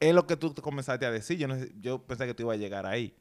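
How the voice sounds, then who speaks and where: A man's voice: mid-range voice, expressive, rapid-fire, darkish tone. A man with a Dominican accent chatting casually in a sports debate, slangy and dropping English words into his Spanish.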